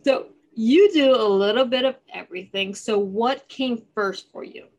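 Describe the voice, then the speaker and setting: Higher-voiced woman as podcast host, chatty, quick to laugh. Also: darkish tone. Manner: chatty, self-deprecating, laughs easily. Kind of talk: casual interview talk.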